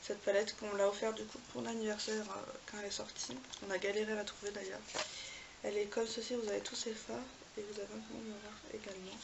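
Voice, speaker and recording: Femme chaleureuse au débit hésitant, voix un peu éraillée. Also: female voice, medium pitch, little pitch movement, fast, creaky, background noise. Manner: chatty, many hesitations and fillers. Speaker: beauty vlogger. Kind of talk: casual show-and-tell of makeup palettes.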